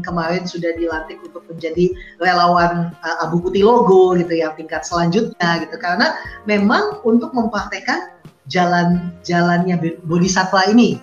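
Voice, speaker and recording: A male guest in a casual interview, explaining at an easy pace and often trailing off with soft tag words. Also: sits high. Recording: roomy, dull sound with faint music.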